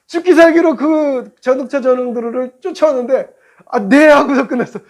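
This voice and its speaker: A male pastor giving a sermon, telling a road-rage story in an animated way and acting out both drivers. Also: extremely high pitch, a little fast.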